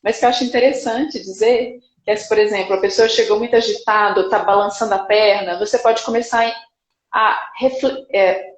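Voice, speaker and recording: A woman, a psychologist guest, speaking thoughtfully and calmly on a live video call. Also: on the high side, echoey room, low-quality recording. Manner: thoughtful, measured, some restarts. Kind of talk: casual reflective live chat.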